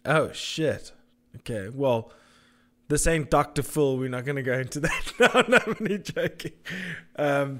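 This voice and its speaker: A man's voice: mid-range voice, a bit bright. A man hosting a casual interview. He is chatty and jokey, restarting his sentences and laughing nervously. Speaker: interviewer host.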